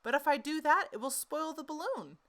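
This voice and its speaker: Lady doing a curious little boy in a storybook, innocent and eager, higher bright voice. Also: animated, a little fast. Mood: puzzled, obliging.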